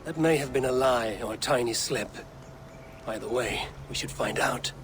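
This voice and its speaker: A man playing a grim, practical Viking warrior in a video game, speaking in a measured, direct way. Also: medium pitch, over music, lightly acted. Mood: grim, resolute.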